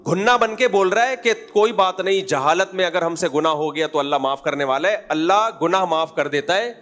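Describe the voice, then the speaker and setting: Forceful scolding male religious lecturer. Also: high voice, faint music behind. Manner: forceful, scolding, mocks opponents with mimicry. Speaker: religious scholar. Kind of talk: lecture on prayer rulings.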